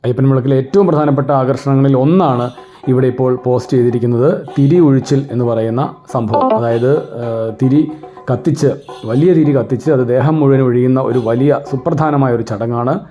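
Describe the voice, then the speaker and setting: A man with a mellow, relaxed voice at an average pitch speaks as a channel host. He explains things informally and talks straight to his viewers. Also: moderate pace, faint music behind. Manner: explanatory, addresses viewers directly.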